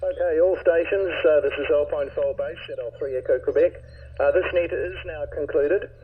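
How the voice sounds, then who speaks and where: A man running a radio net, heard over a ham radio receiver, using steady, formal on-air phrasing with frequent "uh" fillers. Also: on the high side, normal speed. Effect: heard over a ham radio receiver, tinny and thin. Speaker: net controller. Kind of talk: radio net procedure, calling stations. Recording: tinny ham radio audio with faint hiss.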